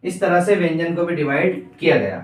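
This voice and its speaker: A man's voice: a little high, animated, normal speed, recorded from a distance. A man teaching a grammar lesson for exam prep, asking the class questions and answering them himself. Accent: Indian Hindi. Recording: echoey room, voice from off-mic.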